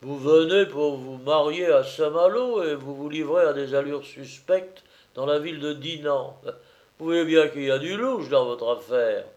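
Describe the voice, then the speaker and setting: Man doing a blustering gendarme, loud, pompous, bullying, storybook reading. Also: on the high side, a little slow, dull audio, pitched above the performer's own voice, natural voice.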